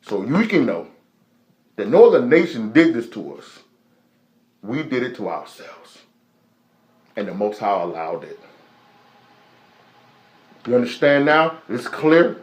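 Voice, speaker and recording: A man preaching a live-streamed sermon, emphatic and repetitive, with many rhetorical questions. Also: mid-range voice. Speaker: preacher teaching a Bible lesson. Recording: echoey room.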